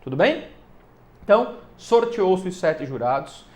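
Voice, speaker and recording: A man with a Brazilian Portuguese accent giving a recorded law lecture, explaining trial procedure and recounting a case, tagging his points with quick checks like "né" and "tá". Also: sits high, sing-song, a little mellow, reverberant.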